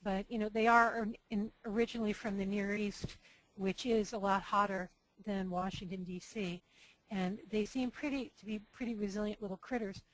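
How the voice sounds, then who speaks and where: A woman's voice: mid-range voice, steady tone, moderate pace, no echo, poor audio. A woman beekeeper answering a question in a webinar, talking it through with restarts and stammers. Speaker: beekeeper guest.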